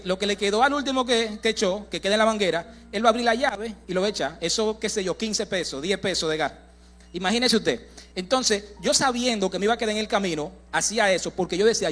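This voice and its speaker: Man, young adult, high-pitched, sermon testimony, conversational, many restarts, faint music behind. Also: fairly bright tone. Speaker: preacher. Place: church sanctuary.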